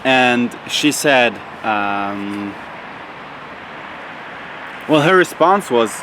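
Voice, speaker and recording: A man's voice: mid-range voice, expressive, extremely slow, noisy background. A young man vlogging casually outdoors, rambling with lots of fillers and restarts. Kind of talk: casual vlog monologue.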